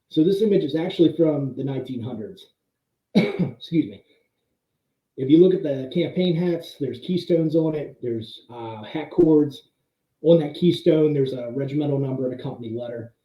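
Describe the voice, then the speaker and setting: A man hosting a monthly history talk, explaining slides conversationally, heard in tinny, low-sample-rate audio from an empty room. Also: echoey room. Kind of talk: casual slide-show presentation. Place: pretty much empty room.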